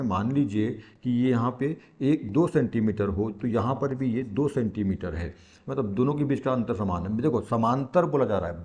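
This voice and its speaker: This man teaches maths at a board with a Hindi-speaking Indian accent and a darkish, middle-pitched voice. He's patient and repeats himself, regularly throwing rhetorical questions to the class before answering them himself.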